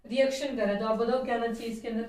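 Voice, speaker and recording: A woman's voice: a little high, fairly even intonation, very fast, a little mellow, distant mic. Teacher woman, echoey room. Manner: explains step by step and asks rhetorical questions. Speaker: chemistry teacher. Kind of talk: classroom lecture.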